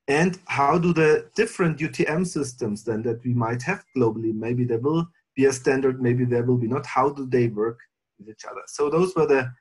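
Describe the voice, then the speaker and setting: Husky man presenting on a video call. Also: on the high side. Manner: explanatory, many fillers and restarts. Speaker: panelist presenting for an air taxi company. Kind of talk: online panel presentation.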